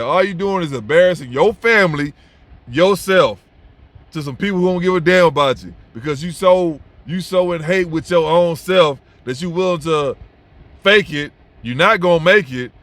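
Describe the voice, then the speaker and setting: A young man's voice, a little high and fairly bright, comes through with no room sound. As a vlogger giving advice, he speaks to camera in a blunt, slangy, repetitive way, often saying "bro."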